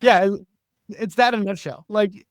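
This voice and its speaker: A man's voice: sits high, steady tone, moderate pace, dry recording, clean studio sound. A man co-hosting a podcast, chatting casually with lots of fillers. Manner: chatty, filler-heavy with frequent "like". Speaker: podcast co-host. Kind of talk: casual chat.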